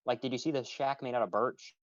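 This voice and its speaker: A man's voice: mid-range voice, steady tone, quick pace, no echo, dull audio. A man playing along in a game chat, talking hesitantly with many restarts. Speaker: fellow player. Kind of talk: casual gameplay chat.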